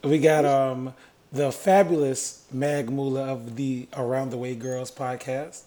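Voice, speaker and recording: A man's voice: medium pitch, flat delivery, unhurried, mellow. A man hosting a podcast, introducing guests and ribbing the others in an upbeat way. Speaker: podcast host. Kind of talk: casual chat.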